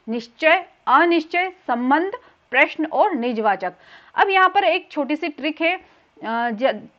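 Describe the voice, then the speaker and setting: High-voiced woman teaching a grammar lesson. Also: fairly bright tone, muffled recording. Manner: explanatory, repeats points with fillers. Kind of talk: exam-prep grammar lesson.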